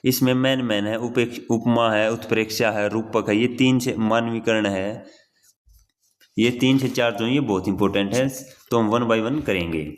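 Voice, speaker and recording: Young man, exam coach, casual grammar lesson, repeats key phrases, medium pitch. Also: fairly even intonation, moderate pace. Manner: repeats key phrases, addresses listener as bhai. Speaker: exam prep teacher.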